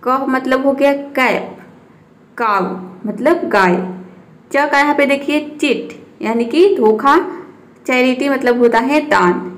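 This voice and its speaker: A high-pitched woman teaches spoken English, questioning her students and responding herself. She slows down whenever she spells an example word.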